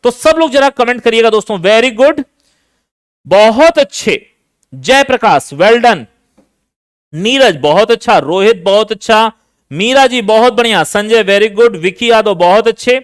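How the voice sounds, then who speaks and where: A man's voice: high voice, expressive, a little slow, clear, resonant tone, no echo, clean studio sound. A man teaching a live online exam-prep class, energetically urging students to comment and repeating key points as questions.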